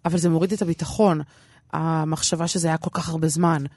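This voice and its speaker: A woman's voice: low-pitched, flat delivery, a little mellow, no echo, clean studio sound. A woman with an Israeli accent talking casually as an interview guest, in a rambling, self-deprecating, repetitive way. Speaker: stand-up comedian, interview guest.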